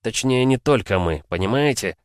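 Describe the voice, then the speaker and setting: A man's voice: medium pitch, expressive, moderate pace, dry recording, voice pushed up, lightly acted. Man doing a sly middle-aged investigator, persuasive and pushy, dry close sound. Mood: insistent. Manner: persuasive, pressing. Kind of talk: audiobook character voice.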